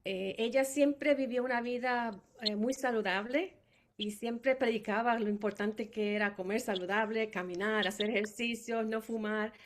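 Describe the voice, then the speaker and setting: This family caregiver, a middle-aged woman from Puerto Rico, shares her personal testimony at a normal pace, her fairly high voice staying fairly even in intonation. Her Puerto Rican Spanish accent comes through, and she often uses fillers and restarts herself.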